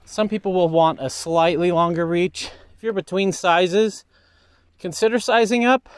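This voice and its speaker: A man's voice: sits high, steady tone, normal speed, smooth, dry recording. Man giving a riding commentary outdoors. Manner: enthusiastic, talks while riding. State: a little winded. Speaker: mountain bike reviewer. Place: outdoors on a desert trail.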